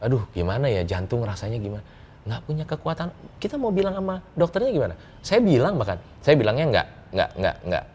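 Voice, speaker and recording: A man, a business coach telling personal stories in a casual interview, lively and joking, chuckling often and mixing in English words. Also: medium pitch, fast talker, slight background noise. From Indonesia.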